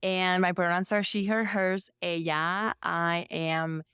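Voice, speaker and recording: A woman's voice: lowish voice, flat delivery, takes it slowly, a bit bright, clean tone, no room sound, clean studio sound. A woman from El Salvador, a therapist and business owner, chatting as a podcast guest and filling her talk with "like" and "you know.". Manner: chatty, filler-heavy with frequent "like". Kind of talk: casual interview conversation.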